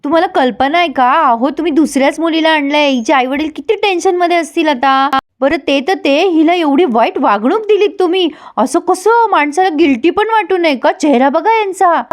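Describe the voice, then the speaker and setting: Brief: earnest young wife, a woman reading her, high voice, pleading and firm. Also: moderate pace, few pauses, a little mellow, lightly acted. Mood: upset, pleading. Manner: earnest, pleading, scolding when upset. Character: caring young woman, gentle but insistent daughter-in-law.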